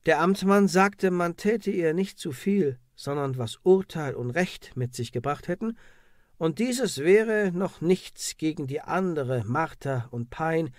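Slow solemn male reader. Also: a little high, dry recording, studio quality. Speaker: narrator. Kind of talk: reading of a historical court record.

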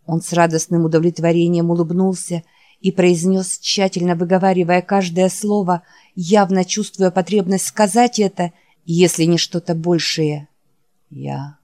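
A woman reading an audiobook in a measured, dramatic narration. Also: fairly low pitch, fairly even intonation, mellow. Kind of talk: scripted narration.

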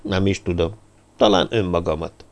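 A man voicing a brooding, secretive drifter who speaks quietly and sparingly in an audiobook. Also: low-pitched, sing-song, creaky, full character voice. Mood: subdued.

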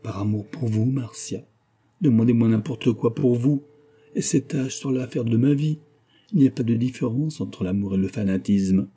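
A man reading a pleading, lovesick gentleman. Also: medium pitch, normal speed, breathy edge, natural voice. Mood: devoted. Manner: passionate and pleading. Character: anguished middle-aged gentleman in love. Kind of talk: audiobook reading.

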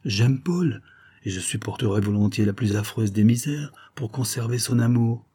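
A man's voice: mid-range voice, normal speed, warm tone, husky, lightly acted. A man voicing a loving, earnest young woman in a raised, tender voice.

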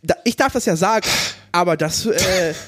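A man's voice: sits high, moderate pace, fairly bright tone, faint music behind. A man in casual chat as a podcast co-host, with a teasing way of talking.

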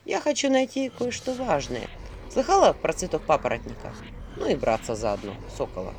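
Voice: medium pitch, big pitch swings, moderate pace, slight background noise. A narrator voicing a sly, money-minded male forest spirit who talks in a smirking, sardonic way. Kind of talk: audiobook character voice.

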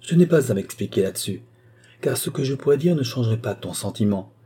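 A man's voice: mid-range voice, animated, a little fast, warm tone, husky. A man voicing a proud, principled young man who answers his mother firmly and earnestly. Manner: earnest, firm.

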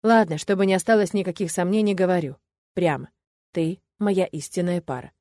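A woman's voice: lowish voice, fairly quick, dark tone, natural voice. A woman voicing a confident, teasing male demon in a romance audiobook. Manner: teasing, sly.

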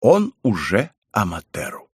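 A man voicing a sly, mocking old woman in an audiobook, speaking in a calm, teasing, unhurried way. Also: lowish voice, breathy edge, no room sound, clean studio sound, full character voice.

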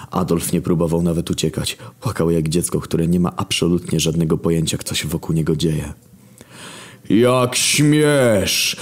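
Brief: a deep-voiced man reading a dark comic story aloud, steady. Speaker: story narrator.

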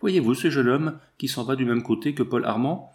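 Give me a man doing a calm, confiding artist mentor. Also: medium pitch, normal speed, pitched above the performer's own voice, lightly acted. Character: older male artist, kindly mentor.

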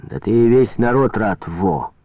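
Man doing a gruff, mocking working man. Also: on the low side, lively intonation, a little slow, no room sound. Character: blunt hot-tempered working man, mocking. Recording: tinny phone-like sound.

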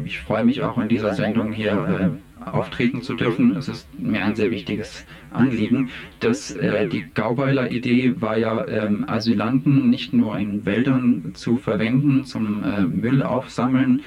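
A man playing an anonymous police union insider who speaks in a disguised deep voice, halting and full of hesitant fillers. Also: steady tone, gravelly, a crowd in the background. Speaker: police union member interviewed on radio. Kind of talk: satirical radio interview sketch.

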